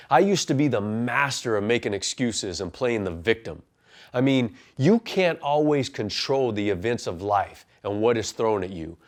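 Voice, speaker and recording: Man, 40s, coach and pastor type, earnest storytelling that turns to direct motivational punch, mid-pitched voice. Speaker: men's life coach and pastor. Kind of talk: personal testimony and motivational talk.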